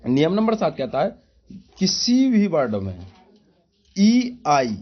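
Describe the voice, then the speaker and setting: A man's voice: fairly high pitch, wildly swooping pitch, measured pace, highs cut off. A man teaching English pronunciation in a spoken lesson, asking himself repeated questions and calling his listeners brother. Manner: drills with repeated rhetorical questions. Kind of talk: classroom-style spoken lesson.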